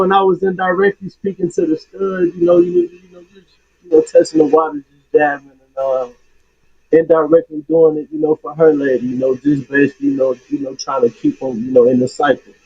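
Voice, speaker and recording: A man's voice: a little high, expressive, moderate pace, gravelly, husky, dry recording. Muffled man calling in over a distorted phone line. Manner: laid-back, slangy, rambling. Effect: muffled, distorted phone line, as if talking through a water hose. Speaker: caller. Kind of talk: casual call-in chat.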